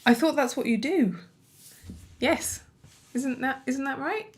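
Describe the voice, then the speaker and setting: A woman's voice: high voice, measured pace. A woman co-hosting a casual livestream, teasing and chipping in briefly. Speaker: co-host.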